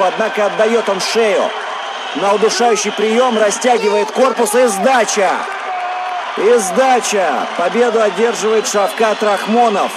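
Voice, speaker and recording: A man doing live combat sports commentary like a wrestling commentator, calling the action in short emphatic phrases. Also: sits high. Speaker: fight commentator. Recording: loud crowd and arena noise behind. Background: roaring arena crowd.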